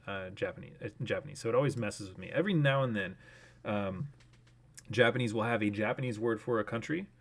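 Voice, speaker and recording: A young man casually thinking aloud while streaming a guessing game, rambling with many fillers. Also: on the low side.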